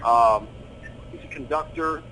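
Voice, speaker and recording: A middle-aged American man chatting casually in an interview, animated, opinionated and full of slang. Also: medium pitch, unhurried, a little hiss or hum, low-quality recording. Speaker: horror host being interviewed.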